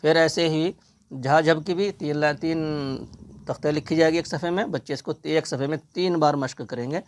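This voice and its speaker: A man's voice: fairly high pitch, normal speed, a little hiss or hum. A middle-aged man teaching a reading primer, sounding out words letter by letter. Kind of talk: spelling-out reading lesson.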